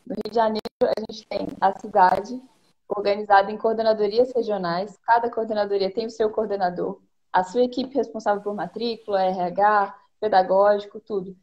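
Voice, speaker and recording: A woman with a Brazilian accent, a policy consultant calmly explaining her points one by one in a live-streamed conversation. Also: medium pitch, normal speed. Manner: methodical, lays out points one by one. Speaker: education policy consultant, guest. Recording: dull lo-fi stream audio.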